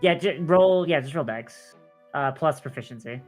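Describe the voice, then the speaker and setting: A game master improvising tabletop narration and chatting casually in an animated, rambling way. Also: mid-range voice, moderate pace, soft background music.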